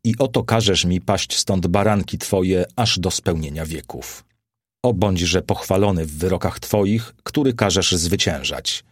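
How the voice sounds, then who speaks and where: A man's voice: low voice, unhurried, breathy edge, no room sound, studio quality. A man voicing an aged male apostle who preaches with solemn, exalted fervour in an audiobook. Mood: rapturous. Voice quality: solemn, rising to exalted declamation. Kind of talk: audiobook character reading.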